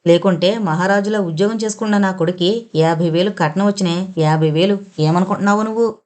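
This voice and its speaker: Audio novel: woman reading a sharp-tongued older mother-in-law, berating and drawn-out. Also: medium pitch, close to an everyday voice. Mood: scolding. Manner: scolding, drawn-out taunting words.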